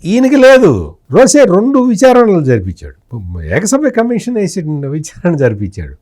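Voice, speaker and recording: A man's voice: high-pitched, wildly swooping pitch, moderate pace, darkish tone. A middle-aged man, a senior journalist, giving political commentary with fiery rhetorical questions.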